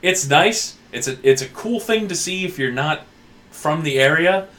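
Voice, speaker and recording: A man's voice: a little high, lively intonation, normal speed, pushed and bright. A man co-hosting a podcast, talking in a rambling, sardonic way during casual chat. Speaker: podcast co-host.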